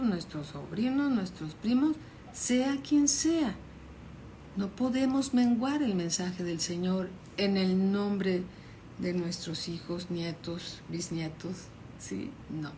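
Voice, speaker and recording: A woman's voice: on the low side, mellow, slight background noise. A woman pastor giving a Bible study sermon, reading verses aloud and explaining them, often checking in with her listeners.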